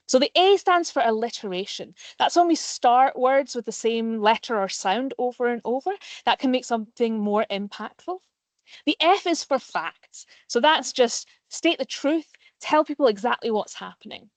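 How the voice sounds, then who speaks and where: A nature educator with a voice on the high side gives a live online lesson to pupils from a plant nursery, explaining things in a friendly way with frequent ums. The recording is dry.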